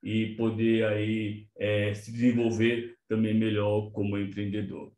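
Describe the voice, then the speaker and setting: A Brazilian man telling a personal story in an online meeting, acting out the dialogue with big swings in his voice. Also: a little slow. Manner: animated, acts out dialogue with big pitch jumps. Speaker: meeting participant, entrepreneur. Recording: echoey room.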